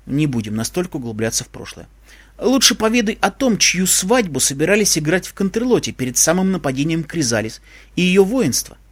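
Brief: bookish young mare, earnest and sharp, read by a male narrator. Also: a little high, very animated, brisk. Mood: calm.

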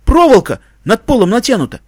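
A man voicing an eager young male alicorn soldier giving quick, dutiful reports. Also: extremely high pitch, sing-song, no echo, clean studio sound, voice pushed up, heavily acted. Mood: alert.

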